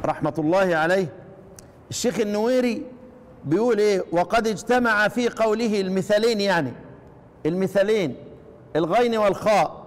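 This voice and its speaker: Egyptian man, high voice, recitation teacher, rhetorical questions, slow chanted examples, long hall reverb. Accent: Egyptian Arabic. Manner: slows down to chant example phrases. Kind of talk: recorded lesson on Quranic readings. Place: class with students.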